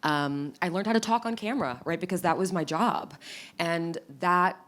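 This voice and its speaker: A woman in her thirties telling stories in a casual interview, animated, acting out quotes, with many fillers. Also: lowish voice, moderate pace. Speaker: guest.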